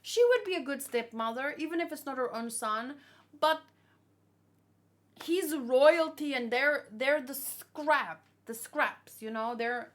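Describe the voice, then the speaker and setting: A woman with a high voice takes her time as she hosts a manga read-along. She reads aloud and gives casual, emotive reactions in a chatty way, often trailing off mid-thought.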